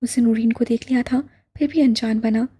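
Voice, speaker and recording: A woman reading a novel aloud in calm, even scripted narration. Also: a little high, brisk, husky. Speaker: audiobook narrator.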